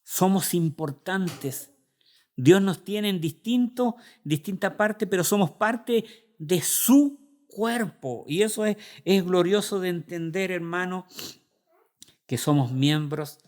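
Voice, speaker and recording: A man with a Chilean Spanish accent delivers an earnest, confessional sermon as a pastor. His voice sits a little higher than most men's, and he often acts out his own prayers and struggles aloud. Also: slow pace.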